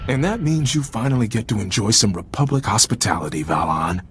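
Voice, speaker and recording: Military officer, game role: wry, assured, fairly deep. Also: male voice, expressive, a little fast, a bit bright, husky, faint music behind, full character voice. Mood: wry, satisfied. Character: confident, wry male Republic military officer. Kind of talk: video game voice acting.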